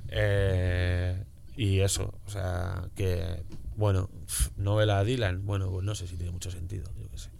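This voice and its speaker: A comics author appears as an interview guest in casual chat, speaking colloquially and often tagging his statements with questions. His voice is low-pitched and darkish, with a level tone and measured pace, and the background noise is clear.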